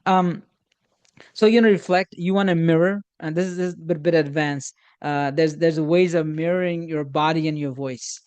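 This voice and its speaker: Halting man teaching active listening. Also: on the high side, fairly even intonation, darkish tone, clear, resonant tone. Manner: halting, many repeated starts and fillers; acts out sample dialogue. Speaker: instructor on communication. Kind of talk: informal workshop lecture.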